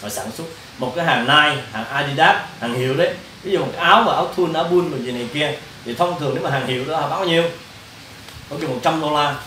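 A man, a Buddhist monk, lectures students in a loose, rambling way, repeating himself and throwing questions at the room. His voice sits a little high. It is recorded from a distance in an echoey hall, with faint hiss behind it. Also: fast talker, pushed and bright. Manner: rambling, repetitive, addresses listeners directly with questions. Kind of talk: casual dharma lecture. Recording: roomy, distant mic, faint background hiss.

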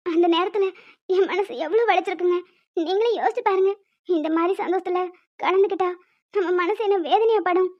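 A woman voicing a gentle young wife in a cartoon, pleading and sorrowful as she pours out her hurt. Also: very high-pitched, a little fast, lo-fi sound. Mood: tearful.

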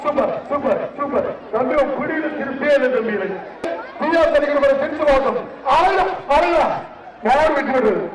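A man announcing a live bull-taming event through a megaphone, shouting repeated cheers, urging the riders on and counting aloud. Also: extremely high pitch, expressive, a little fast, recorded from a distance. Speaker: bullfight announcer. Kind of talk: live event commentary over a PA. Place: outdoor arena. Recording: echoey loudspeaker audio from afar, loud crowd. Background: loud cheering crowd.

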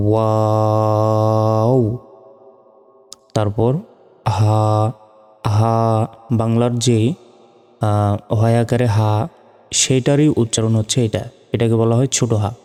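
Slow, dark-voiced man teaching letter sounds. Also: mid-range voice. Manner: drawls letter names, repeats each sound. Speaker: Quran teacher. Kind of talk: slow step-by-step recitation lesson. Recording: long hall reverb with faint music.

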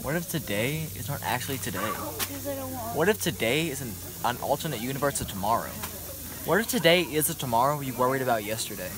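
A young man chatting with friends in the woods, excitable and playful. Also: medium pitch, fast talker, crowd noise. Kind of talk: casual chat among friends.

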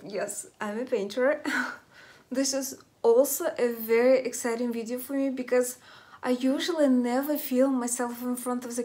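With background music behind her, a young adult woman with a Russian accent, a native Russian speaker, presents a makeup tutorial as a beauty vlogger. Her voice has a fairly high pitch and a darkish tone.

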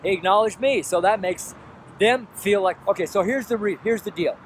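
A high-voiced man in his 60s speaks at a moderate pace, preaching outdoors by traffic to a selfie camera held at arm's length. Earnest and pleading, he keeps repeating his points while faint traffic hums behind him.

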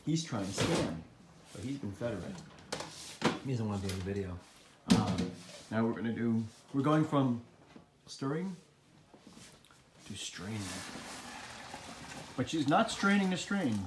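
A man's voice: mid-range voice, lively intonation, measured pace, pauses often, roomy sound, heavy background noise. Joking man livestreaming at home on a phone. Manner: joking, teasing, with frequent laughs; soft, cooing talk to pets. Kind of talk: casual live commentary. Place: home kitchen, then garage.

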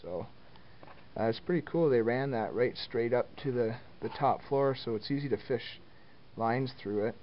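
A hobbyist with a medium-pitched voice casually films a walkthrough of the home phone wiring in his basement, unhurried and full of ums and uhs in plain, easygoing talk. He is off screen behind a handheld camera, whose mic gives dull lo-fi audio with faint hiss.

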